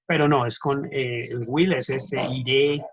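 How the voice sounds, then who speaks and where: Husky bilingual teacher, man. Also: mid-range voice, fairly even intonation, a little slow, poor audio. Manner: switches between English and Spanish, corrects himself often; checks in with students constantly. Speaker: English teacher. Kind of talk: online grammar lesson.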